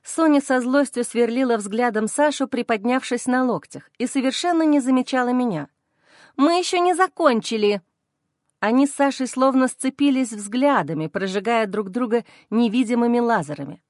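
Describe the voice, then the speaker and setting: A woman narrating a first-person novel in an expressive audiobook reading. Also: a little high, moderate pace, hardly any pauses, no echo, studio quality.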